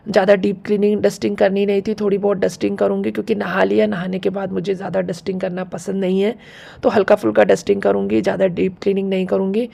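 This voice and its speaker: A woman with a sore, hoarse throat chatting casually through a home vlog, explaining things step by step. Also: mid-range voice, dark tone. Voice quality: gravelly, husky. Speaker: home vlogger.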